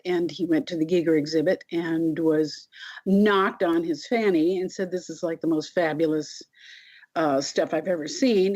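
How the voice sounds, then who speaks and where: Woman, interview guest, lower pitch, casual anecdotal recollection, halting delivery, muffled lo-fi sound. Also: a little mellow. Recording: dull, lo-fi sound.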